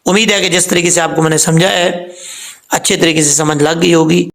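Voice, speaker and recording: A man's voice: a little high, steady tone, fairly quick, a bit bright. A man teaching Quran recitation step by step, patiently correcting common mistakes and spelling out letters and vowel marks. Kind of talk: step-by-step tajweed lesson.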